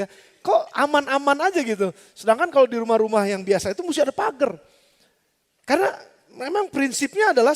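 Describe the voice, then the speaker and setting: A male pastor giving a lively storytelling sermon, addressing the congregation with rhetorical questions in a large church hall. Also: very high voice.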